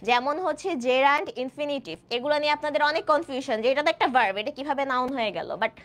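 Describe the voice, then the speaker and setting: A woman in her twenties from Bangladesh, teaching an online English grammar class and often checking that students follow, with slow, drawn-out example sentences. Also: high voice. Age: 20s. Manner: keeps asking students questions to check understanding; stretches out example sentences slowly. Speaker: admission test English tutor.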